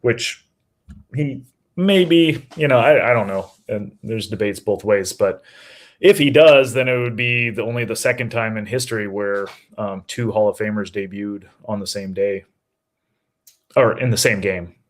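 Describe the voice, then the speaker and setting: Low-voiced man, measured chat. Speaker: podcast co-host. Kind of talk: casual chat.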